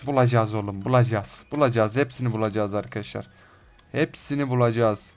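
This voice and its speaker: A young man commenting on his Minecraft game, excitable, shouting threats at mobs and repeating phrases over and over. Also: fairly low pitch, a little fast, soft background music. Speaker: gaming YouTuber. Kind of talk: Minecraft let's play commentary.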